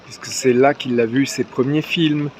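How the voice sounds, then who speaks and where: A man's voice: mid-range voice, steady tone, moderate pace, a little mellow. A man acting as interviewer and guide, asking questions and commenting on location outdoors. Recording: faint background noise on location.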